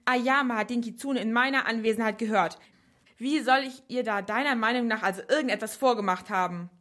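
A woman's voice: on the high side, a little fast, fairly bright tone, lightly acted. A woman voicing a bitter, angry man who hisses and snaps threats. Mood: hissing. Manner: hissing, snapping. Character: angry man, bitter former stage designer.

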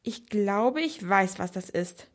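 A woman voicing a calm, clever young man who lays out his reasoning step by step. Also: mid-range voice, takes it slowly. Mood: musing.

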